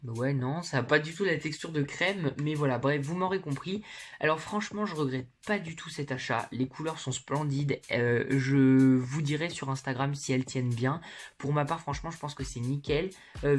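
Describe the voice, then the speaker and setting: Woman doing a casual makeup haul vlog, slangy and candid, bedroom, bit of music behind. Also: deep voice. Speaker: beauty vlogger.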